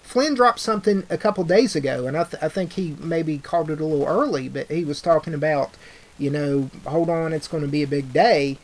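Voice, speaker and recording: Rambling man with halting restarts. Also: fairly high pitch. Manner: rambling, halting restarts, says "dude" a lot. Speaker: podcast host. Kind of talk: casual chat.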